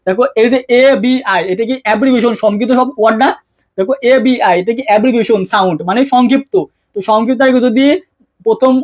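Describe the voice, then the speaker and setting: A man teaching an English grammar lesson, constantly asking his students questions and answering them himself in a casual, colloquial way. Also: very high voice. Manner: quick-talking, keeps asking students questions; colloquial, mixes English terms into speech. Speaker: English tutor. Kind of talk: online exam-prep lesson.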